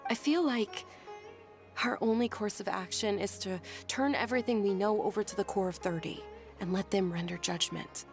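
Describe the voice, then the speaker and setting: A woman voices a troubled, principled young daughter in a video game. Her voice has a marked creak, hesitant and reflective, with faint music behind it. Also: mid-range voice, normal speed, lightly acted. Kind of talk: scripted video game dialogue.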